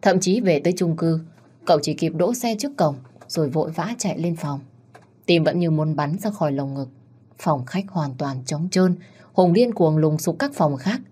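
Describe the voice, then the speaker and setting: A woman narrating a story in a steady, scripted storytelling manner. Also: low voice, moderate pace, husky.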